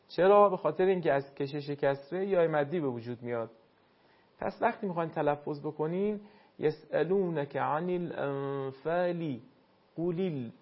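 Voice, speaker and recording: A man's voice: on the high side, muffled recording. A man teaching Quran recitation on air, giving a caller formal, courteous and instructive feedback.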